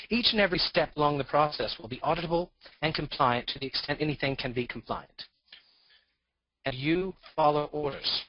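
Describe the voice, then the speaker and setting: Presenter, male, voice masked with distortion, formal delivery with dry asides, dull lo-fi call audio. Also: on the high side. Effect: distorted voice disguise. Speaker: forum presenter. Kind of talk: prepared presentation. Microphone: conference call.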